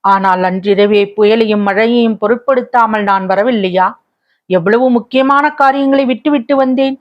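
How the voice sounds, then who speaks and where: A woman's voice: a little high, highs cut off, natural voice. A woman voicing a tender, coaxing young prince. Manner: gentle, coaxing questions.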